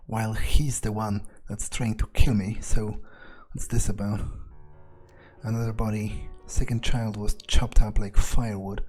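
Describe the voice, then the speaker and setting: A man's lowish voice, a little mellow and husky, carries improvised in-character video game commentary. Narrating his playthrough, he thinks aloud in a musing, sardonic way that stays understated and casually profane.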